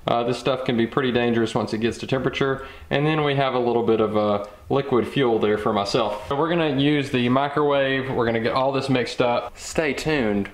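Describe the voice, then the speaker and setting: A young man hosts a casual how-to vlog from his home garage workshop, relaxed and chatty, thinking aloud with fillers as he works. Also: medium pitch, brisk, few pauses. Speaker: fishing channel host. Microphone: camera mic. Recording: echoey garage with background noise.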